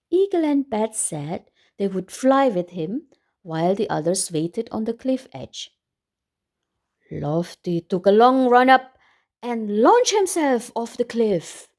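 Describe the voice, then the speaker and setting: A woman reads a picture book aloud to children in a high, very animated voice. She is expressive, often exclaiming and pulling listeners in with questions while commenting on the story.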